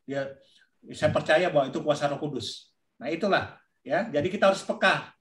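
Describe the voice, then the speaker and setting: A man hosting a church talk show, telling a testimony in a slightly raised voice. He rambles and pauses on fillers as he goes. The room gives his voice a roomy echo. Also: fairly high pitch, fairly bright tone. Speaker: ministry host.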